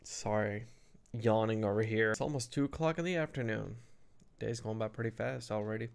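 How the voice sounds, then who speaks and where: A male gaming streamer, stuffy from allergies, chatting casually and reacting loudly to the game. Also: fairly low pitch, a little fast, creaky, smooth. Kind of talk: casual gameplay commentary.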